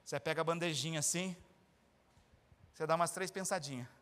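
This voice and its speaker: A male pastor with a Brazilian Portuguese accent preaching a sermon in a church, animated and jokey as he acts out everyday scenes. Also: a little high, fairly quick, long reverb tail.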